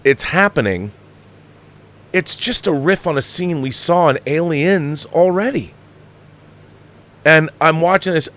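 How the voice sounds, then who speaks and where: Hosting a film review show, a man offers opinionated, conversational commentary in a slightly bright voice. His pitch jumps up and down as he hammers home points, and he keeps restarting and repeating himself in an emphatic, exasperated way.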